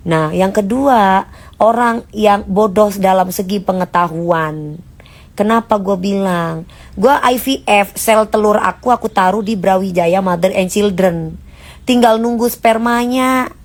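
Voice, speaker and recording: A woman ranting casually on a live stream, answering viewers' comments in a blunt, mocking way. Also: mid-range voice. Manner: blunt and mocking, in Jakarta slang.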